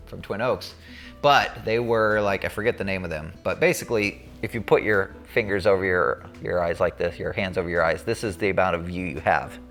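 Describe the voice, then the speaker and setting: A man with a low, deep voice recounts his experience in a casual storytelling style. He speaks candidly and conversationally, as if to viewers, with faint music in the background. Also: fairly bright tone. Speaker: student pilot recounting a checkride.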